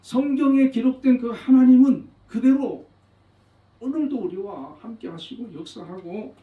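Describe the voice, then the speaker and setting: In a church sanctuary, a man pastor with a very high, unhurried voice delivers an earnest, emphatic sermon, repeating phrases for weight. The recording sounds roomy, distant, and dull.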